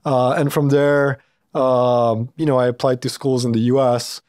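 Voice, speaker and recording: A man in his thirties who grew up in Poland, a company founder talking as a podcast guest, thoughtful and full of fillers and restarts, recorded on a boom-arm studio mic. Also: flat delivery, unhurried, darkish tone, dry recording. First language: Polish. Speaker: startup founder and CEO, guest. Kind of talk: casual interview talk.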